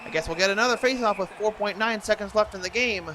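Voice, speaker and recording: A man doing an announcer-style play-by-play commentary of a hockey video game, excitable on big plays. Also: sits high, fast, a little hiss or hum.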